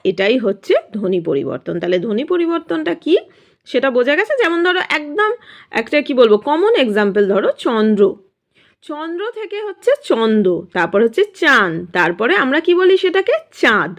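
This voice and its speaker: A woman's voice: high voice, big pitch swings, brisk. A woman teaching a grammar lesson online, explaining step by step and asking the students questions.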